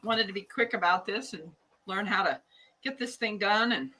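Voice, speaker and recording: Bright-voiced older Midwestern American woman. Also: mid-range voice, normal speed, rough recording. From United States. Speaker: hat loom craft class teacher. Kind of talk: casual live tutorial chat.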